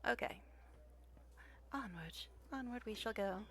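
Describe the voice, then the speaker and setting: A woman's voice: on the high side, animated, a little slow, a bit bright. A woman game streamer giving casual, chatty, playful commentary as she plays. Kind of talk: casual gameplay commentary, reads dialogue aloud. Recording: faint background noise.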